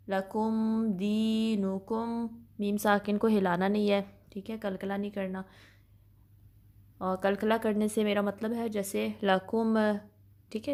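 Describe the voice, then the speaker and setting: Patient woman teaching Quran recitation, flat. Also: mid-range voice, vocal fry. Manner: patient, methodical explaining with slow drawn-out demonstrations; frequent reassuring check-ins. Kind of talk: tajweed lesson.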